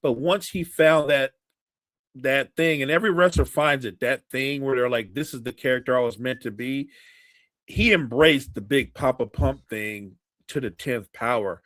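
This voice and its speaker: A man co-hosting a podcast in casual chat, talking haltingly with many restarts and fillers. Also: mid-range voice, a bit bright, no echo. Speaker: podcast co-host. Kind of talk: casual chat about wrestling.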